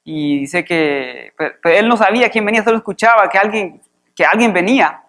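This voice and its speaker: A man preaching a sermon in a church, reading scripture aloud and explaining it in an easygoing way, often pausing on filler words. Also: high-pitched, fairly bright tone. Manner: conversational, fills pauses with "este" and repeats "dice" while reading.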